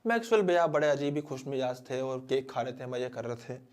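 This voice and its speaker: A man's voice: medium pitch, fairly quick. A man teaching physics as a dramatic story, talking straight to his students. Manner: animated, dramatic storyteller who addresses students directly.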